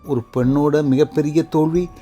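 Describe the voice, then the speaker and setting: A man narrating a heartbreaking first-person story in a scripted style. His voice is dark and mellow, and he speaks in slow, sorrowful, measured phrases. Soft music plays faintly behind him. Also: on the high side, fairly even intonation.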